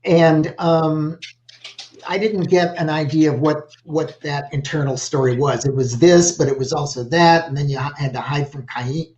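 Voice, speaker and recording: An older man, a literary agent, giving halting, rambling feedback on a video call from a home office. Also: a little high, steady tone, a little mellow. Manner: halting, lots of 'you know' and restarts. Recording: dull lo-fi video call audio.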